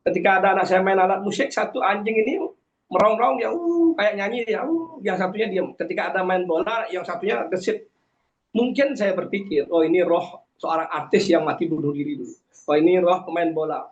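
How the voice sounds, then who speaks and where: A man in a fairly high voice. He sounds earnest and a little preachy, pausing and hesitating often as he testifies. The recording is dull and lo-fi. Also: lively intonation. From Karangasem, Bali. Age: 40s. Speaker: guest.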